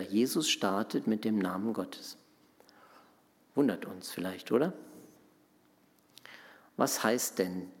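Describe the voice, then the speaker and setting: A man's voice: lowish voice, gravelly. A man preaching in an interactive, conversational way, asking his listeners questions as he explains a Bible passage. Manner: asks the audience questions, conversational. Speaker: pastor. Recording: long hall reverb.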